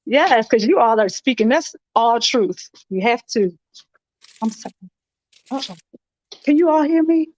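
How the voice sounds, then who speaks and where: A woman's voice: on the high side, expressive, measured pace, pauses often, a little mellow. A woman chatting casually as a guest on a livestream, over lo-fi call audio. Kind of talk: casual chat.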